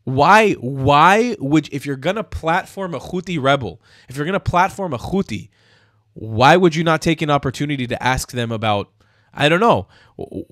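In his own online commentary, a young man from the United States gets heated, sarcastic, and profane. His medium-pitched voice is fairly bright and has no room sound, picked up by a studio mic on a stand in a small room while he wears headphones.

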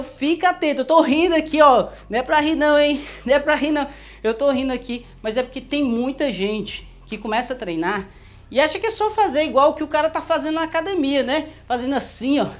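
A woman giving casual, joking workout instruction as a fitness coach, demonstrating moves as she talks. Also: high-pitched. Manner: playful, joking, demonstrating moves while talking.

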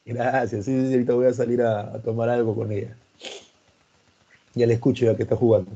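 A man with a dark, mid-range voice teaches history to pre-university students in a live online session, speaking quickly in a level tone. He greets students by name, uses homely examples, and sounds stern, though he says that's only his natural voice. The recording is muffled, with slight background noise.

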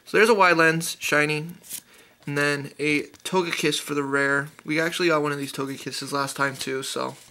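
A man's voice: on the high side, fairly even intonation, bright, forceful tone. A man casually opening card packs on camera, rattling off card names with enthusiasm. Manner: rapid-fire listing of card names, enthusiastic.

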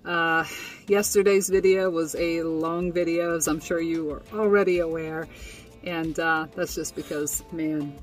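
A woman's voice: sits low, fairly even intonation, unhurried, distant mic, faint music behind. Chatty young woman vlogging from a tent. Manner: chatty, with frequent fillers and laughs. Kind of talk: casual vlog recap. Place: inside a tent, small and indoors.

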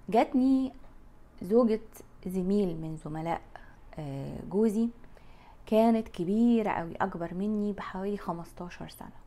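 A life coach in her forties with an Egyptian Arabic accent speaks frankly and bluntly straight to camera in a mid-range voice. She's recorded on a lapel mic in a bright room.

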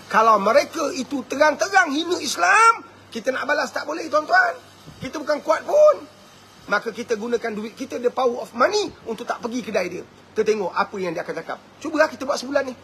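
A Malaysian man in his fifties with a very high, bright, forceful voice, preaching with fervor and now and then bursting into shouts. He speaks as a motivational host, taking questions from viewers on a live talk. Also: lively intonation, fairly quick, slight background noise.

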